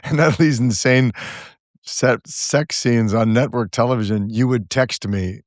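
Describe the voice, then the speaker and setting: A man's voice: mid-range voice, a little slow, no room sound, clean studio sound. A middle-aged man with a bad cold, hosting a podcast and chatting casually with his daughter, chuckling often. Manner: chuckling, warm teasing banter. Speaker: podcast host. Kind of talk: casual family chat.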